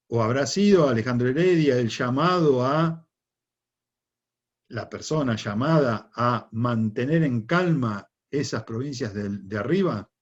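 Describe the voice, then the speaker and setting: The audio is muffled as a man with a mid-range voice and an Argentine Spanish accent teaches history. His lecture is conversational, punctuated by frequent rhetorical questions to check in with the class.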